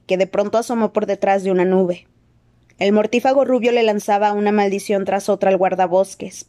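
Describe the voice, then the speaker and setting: Woman narrating an audiobook, mellow voice. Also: mid-range voice. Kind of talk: scripted narration.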